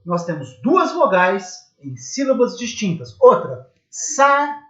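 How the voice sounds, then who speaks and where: A man's voice: high voice, huge pitch swings, a little slow, fairly bright tone. A man with a Brazilian Portuguese accent teaching a recorded grammar lesson, patiently repeating and spelling out examples and checking in with his students. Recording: echoey room, dull lo-fi sound.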